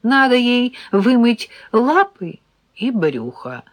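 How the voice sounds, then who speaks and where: A practical, mildly teasing young woman, as a woman reader puts her on in a storybook reading. Her voice sits high and lilts widely, unhurried and wry. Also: sing-song. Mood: light. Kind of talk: audiobook dialogue.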